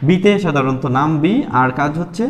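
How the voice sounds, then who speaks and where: A man's voice: a little high, in a large hall, faint music behind. A man teaching beginners English letter sounds, explaining patiently and repeating each sound several times. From Bangladesh. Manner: repeats sounds slowly, with many fillers.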